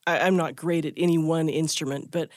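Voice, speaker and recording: A woman who is a guest musician and teacher tells a personal story in a chatty, self-deprecating way, slipping into small laughs. Her voice sits low and steady and moves a little fast with a slightly mellow quality. The studio-quality audio has no room sound, with guitar music behind her.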